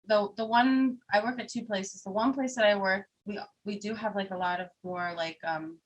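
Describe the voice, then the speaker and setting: A woman's voice: mid-range voice, steady tone, moderate pace, rough recording. A young woman, chatting casually as an interview guest, laughing often and full of fillers. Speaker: singer and keyboard player, guest.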